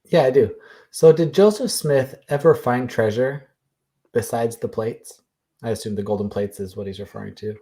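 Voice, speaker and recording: A man's voice: mid-range voice, moderate pace, mellow. A man co-hosting a podcast in casual chat, easygoing and stumbling over his words now and then. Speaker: podcast co-host.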